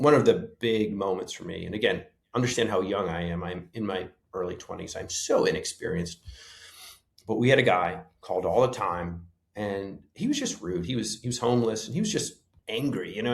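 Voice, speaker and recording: A man's voice: on the low side, creaky. A man, a former paramedic, thoughtfully telling stories from his career in an interview, often restarting with "you know". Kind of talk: reflective storytelling in an interview. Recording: roomy echo.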